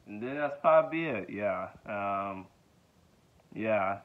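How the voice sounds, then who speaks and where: A young man in his twenties from Georgia talks about himself in a loose, rambling vlog, circling back with fillers and repeated yeahs. His voice sits a little low. The sound is narrow and tinny, like a phone line, recorded close up in a small bedroom. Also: expressive, slow. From Georgia, USA. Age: 20s. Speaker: vlogger. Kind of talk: casual self-introduction vlog. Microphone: phone held close at arm's length.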